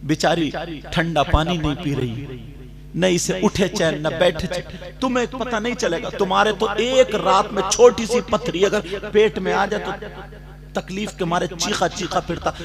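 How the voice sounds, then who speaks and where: A male preacher delivering an Islamic sermon, telling a cautionary tale in a drawn-out sung cadence and then dropping to plain speech to appeal to listeners. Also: sits high, steady tone, gravelly. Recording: voice over loud music. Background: music.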